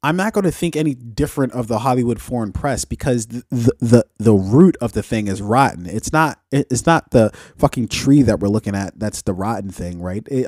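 Mellow-voiced man in a blunt rant. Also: on the low side, dry recording, studio quality. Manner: blunt, profane ranting with frequent check-in tags. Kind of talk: casual opinionated podcast chat.

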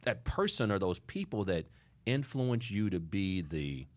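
A man hosting a studio interview podcast, speaking emphatically and warmly to his guest. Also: deep voice, sing-song, unhurried. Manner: warm, emphatic, calls guest "sister". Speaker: podcast host.

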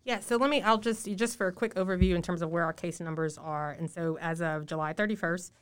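Clear, low-voiced woman speaking through a face mask. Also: fairly even intonation. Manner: measured, explanatory, emphatic on key points. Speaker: public health official, podcast guest. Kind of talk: informative podcast interview.

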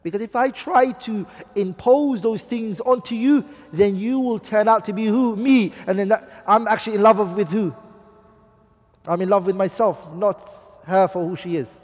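Recorded with a big-room sound, an Islamic teacher with a high, darkish voice speaks at a moderate pace in a class on marriage. He's emphatic, asks his students rhetorical questions, and quotes Arabic hadith and poetry.

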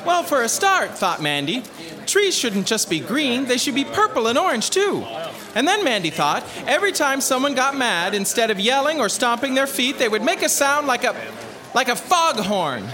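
A man's voice: very high-pitched, sing-song, normal speed, a crowd in the background. An actor playing a weary, sarcastic male storyteller in an audio drama. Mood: storytelling. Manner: sardonic, deflated.

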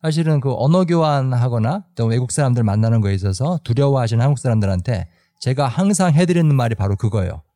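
A man's voice: mid-range voice, animated, quick pace, few pauses, mellow, no echo, studio quality. A man hosting a podcast, speaking emphatically and repeating phrases for effect. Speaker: host.

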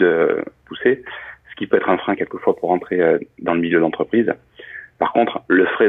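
A man, a coach who used to be a pilot, talks through his training in a loose, explanatory way, full of fillers and restarts. His voice sits low and slightly husky, and he moves at a quick clip. The sound comes through a thin, phone-like line. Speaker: guest, coach and former pilot. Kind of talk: casual interview talk.

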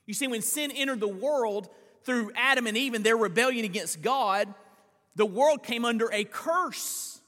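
Speaking at a moderate pace, this senior pastor has an extremely high-pitched, slightly bright voice. He delivers a live Sunday sermon in the church sanctuary, earnestly unpacking scripture and asking his congregation pointed questions, all under a long church reverb.

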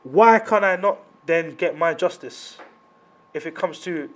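A man's voice: a little high, animated, a little slow. A man with a London roadman accent debating casually in street slang, emphatic and repeating his phrases for stress.

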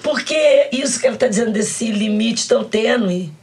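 A woman's voice: on the high side, brisk. A Brazilian woman in her sixties, an actress telling stories in an interview, crying and laughing as she talks. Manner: expressive, storytelling, laughs while talking. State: tearful, crying while speaking. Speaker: actress and guest. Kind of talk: emotional interview talk.

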